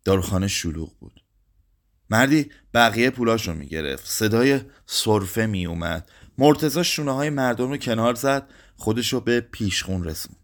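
A man's voice: mid-range voice, animated. Somber male literary narrator. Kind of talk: literary audiobook reading.

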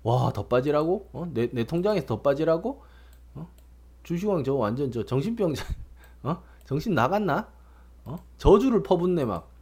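A man voicing an outraged, husky male investor. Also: fairly high pitch, big pitch swings, normal speed, darkish tone, exaggerated voice. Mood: indignant. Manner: outraged, sputtering, repeating questions. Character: angry adult male retail investor, indignant.

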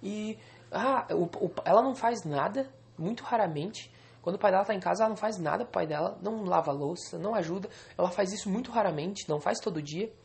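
A man's voice: high voice, fast talker, vocal fry, few pauses, darkish tone. A young man venting angrily and swearing on a solo podcast recorded alone at home.

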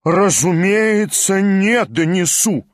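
A man voicing a touchy, resentful lame man who speaks slowly with stiff formal politeness. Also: on the high side, animated, breathy edge, no echo, studio quality.

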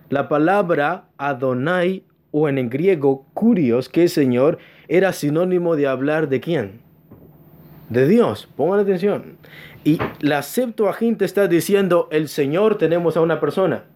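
A male pastor teaches from the pulpit in an unhurried, measured way, his voice sitting a little high. He keeps asking the congregation questions and answering them, and he slows right down on key words while urging everyone to pay attention. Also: animated, a little mellow. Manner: stresses key words by slowing down. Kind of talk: teaching sermon. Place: church.

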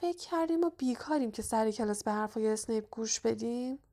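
A hot-headed young schoolboy wizard voiced by a woman reader talks in a high, mocking, indignant voice. He is loud and sarcastic in this audiobook. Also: expressive.

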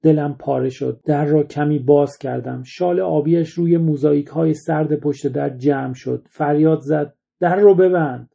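A man's voice: fairly high pitch, steady tone, gravelly, few pauses, warm tone, dull audio. A man reading a somber first-person short story aloud as its narrator.

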